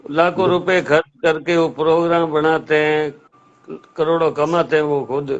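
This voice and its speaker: A man's voice: fairly high pitch, fairly even intonation, moderate pace. Man agreeing respectfully in a chat. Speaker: guest. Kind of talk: casual chat. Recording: muffled lo-fi audio.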